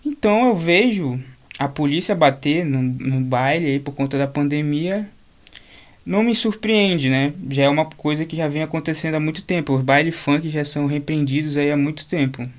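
A man's voice: a little high, moderate pace. Young man. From Manaus, Brazil. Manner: thoughtful, frequent restarts and tag questions. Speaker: guest, creator of a page about funk. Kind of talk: casual interview talk.

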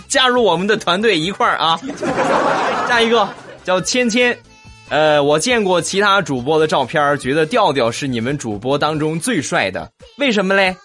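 A man's voice: fairly high pitch, lively intonation, normal speed, sharp tone, soft background music, a faint crowd. A man hosting a comedic podcast, reading listener comments with teasing jokes and frequent laughter. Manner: jokey, laughs often, teasing asides. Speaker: podcast host.

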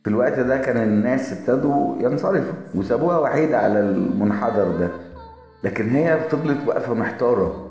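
A man with an Egyptian accent casually narrating a story with relaxed explanatory asides. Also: medium pitch, quick pace, lo-fi sound. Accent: Egyptian Arabic. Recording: echoey hall with faint music.

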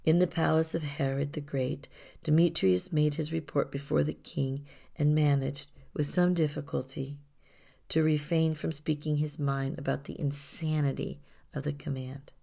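A woman narrating a somber story in a soft delivery that often drops near a whisper. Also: deep voice, steady tone, moderate pace, creaky.

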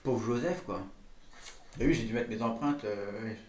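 A man's voice: fairly low pitch, normal speed, a little mellow, reverberant, slight background noise, voice pushed down, close to an everyday voice. A man voicing a friendly, chatty sculptor in his sixties who rambles with many fillers. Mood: rambling.

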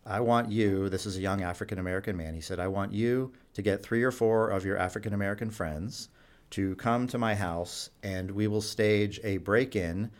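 Speaking at a moderate pace in a fairly low voice, a jail clinic doctor shares stories from his work in a relaxed, conversational interview. His anecdote-telling is animated, and he takes on the voices of the people he quotes.

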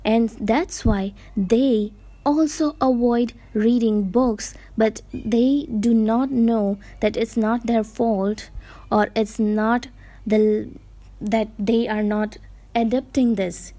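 Speaking slowly in a mellow, somewhat high voice with fairly level intonation, an Indian woman shares reading advice in a casual vlog. Her first language is Gujarati, her English carries an Indian accent, and she is earnest and explanatory, correcting herself as she goes.

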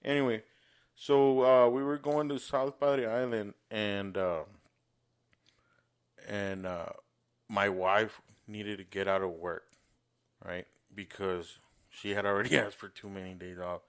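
A man's voice: fairly low pitch, flat delivery, unhurried, clear, resonant tone. A man co-hosting a podcast, telling a story in casual, profane chat and laughing often. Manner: laid-back storytelling, swears a lot, laughs often. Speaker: podcast co-host.

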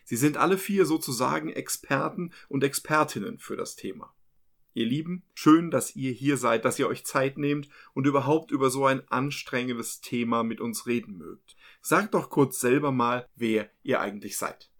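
A man's voice: medium pitch, moderate pace, fairly bright tone. A man hosting a podcast in German, talking earnestly and with feeling about a serious subject. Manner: earnest, impassioned. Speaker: podcast host. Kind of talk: hosted podcast talk.

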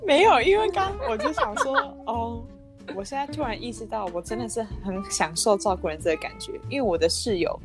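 A woman's voice: fairly high pitch, animated, fairly quick, music in the background. A woman co-hosting a podcast in casual chat, chatty and laughing easily. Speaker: podcast co-host.

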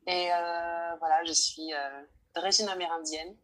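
A nineteen-year-old woman from French Guiana, answering interview questions in a hesitant way, often pausing to search for words. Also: lowish voice, steady tone, fairly bright tone, poor audio.

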